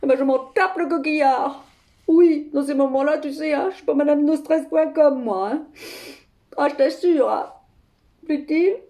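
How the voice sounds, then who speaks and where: A woman's voice: high voice, dark tone. A woman playing an exasperated older grandmother in a one-sided phone call sketch, ranting dramatically and tagging nearly every phrase with "hein". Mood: fuming. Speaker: comic monologue performer.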